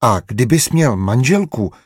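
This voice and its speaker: A man's voice: animated, slightly rough, dry recording, studio quality. A man voicing a small, curious, insistent boy in a storybook reading. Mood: pleading, insistent. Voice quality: raised childlike pitch.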